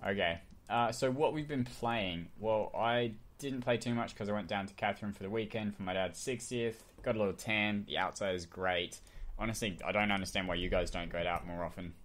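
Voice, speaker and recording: A man in his twenties with a lowish voice, co-hosting a casual podcast. He rambles loosely, restarts his sentences and leans on fillers like "uh" and "like". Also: fairly quick, a bit bright. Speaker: podcast co-host. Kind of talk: casual chat.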